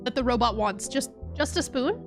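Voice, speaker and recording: Sex: woman. Role: streamer. Style: casual game commentary. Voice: somewhat high, chatty, with game music faintly behind. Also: moderate pace. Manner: chatty, excitable, self-deprecating.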